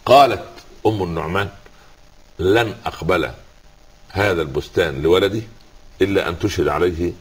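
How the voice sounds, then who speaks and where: Husky low-voiced Egyptian scholar. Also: male voice, brisk, long pauses. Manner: rhetorical questions, quotes scripture. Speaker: Islamic scholar guest. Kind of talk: religious talk with storytelling.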